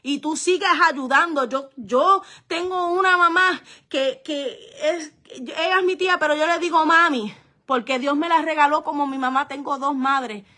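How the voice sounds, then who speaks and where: A woman pastor preaching with a high voice. Her tone is bright and forceful. She speaks earnestly to her listeners as brothers and often drops to a soft, slow delivery. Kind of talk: testimony sermon.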